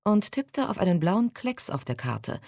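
A woman reading a storybook aloud as narrator, in a calm, expressive reading voice on a close mic. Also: on the low side, unhurried, gravelly, dry recording.

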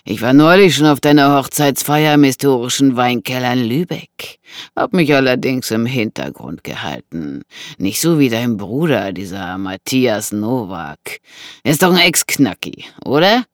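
Narrator putting on a slow, taunting menacing man. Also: medium pitch, lively intonation, no room sound, clean studio sound, lightly acted. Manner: slow, taunting, drawn-out delivery. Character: threatening man with a knife, mocking and menacing.

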